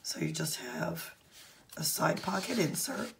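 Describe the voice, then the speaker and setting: Female craft vlogger, hoarse lost voice, low and crackly, slipping into whispers, casual walkthrough delivery. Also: a little slow. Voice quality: husky, croaky, often breaking into a whisper. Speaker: craft channel host.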